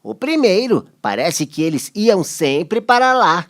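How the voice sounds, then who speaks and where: A thoughtful schoolboy speaks in an educational TV lesson. He takes his time and picks each word with care. His pitch moves up and down as he answers. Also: very animated, unhurried, fairly bright tone, heavily acted. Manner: careful, answering questions. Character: curious schoolboy pupil.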